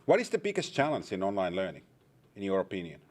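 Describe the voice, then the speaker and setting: A Finnish man with a Finnish accent presents at a conference panel in a deep, sing-song, slightly mellow voice, talking fast. He addresses the audience with wry humor and questions.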